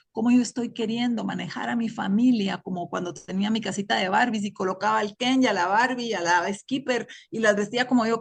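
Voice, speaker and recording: A woman's voice: a little high, gravelly. A middle-aged woman giving a reflective, conversational personal recovery testimony, often checking in with her listeners. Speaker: recovery group member sharing her story.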